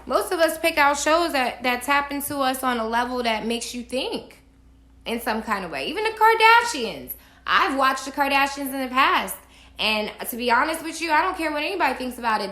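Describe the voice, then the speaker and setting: A woman's voice: high-pitched, sharp tone. A woman vlogging from home, giving emphatic, preachy spiritual advice straight to her viewers and swearing casually. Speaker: astrology vlogger. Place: indoors at home. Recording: echoey room.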